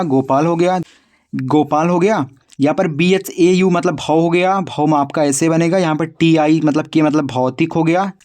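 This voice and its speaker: A man leads a casual spelling lesson. He speaks to his viewers as friends and students and repeats each word slowly while he sounds it out. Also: sits high, darkish tone. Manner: talks to viewers directly as brother and kids, repeats words slowly. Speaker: English tutor on a video channel.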